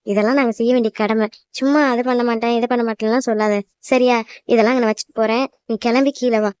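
A woman's voice: on the high side, steady tone, quick pace, a little mellow, smooth, no echo, highs cut off, natural voice. A woman voicing a worried, loving cartoon mother who fusses and pleads with her newly married daughter. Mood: fussing. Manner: fussing, emotional, pleading. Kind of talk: cartoon voice acting.

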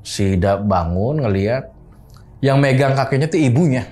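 Guy spinning a spooky boarding-house tale, lively, voices the people he quotes. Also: medium pitch, normal speed. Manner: animated retelling, acting out quoted dialogue. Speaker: boarding house caretaker telling a horror story. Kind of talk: casual storytelling to an interviewer.

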